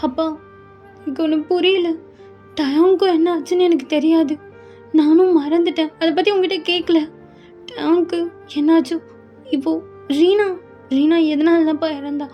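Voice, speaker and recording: A woman's voice: very high voice, fairly even intonation, normal speed, long pauses, highs cut off, faint music behind, voice pushed up. A woman voicing a desperate young daughter who pleads through tears. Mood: tearful. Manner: pleading, tearful. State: crying.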